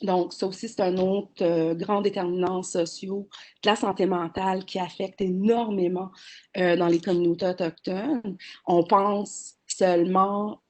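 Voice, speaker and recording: A woman's voice: medium pitch, steady tone, a little slow, a little mellow. A woman, speaking as a panelist in a webinar over a video call, earnest and explanatory with frequent hesitations. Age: 40s.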